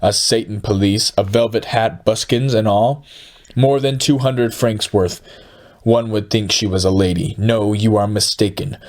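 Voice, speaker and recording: A man's voice: lowish voice, fairly even intonation, measured pace, close to an everyday voice. A man voicing a coarse, huge poor woman in a storybook, spiteful and outraged in her speech. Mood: enraged, spiteful.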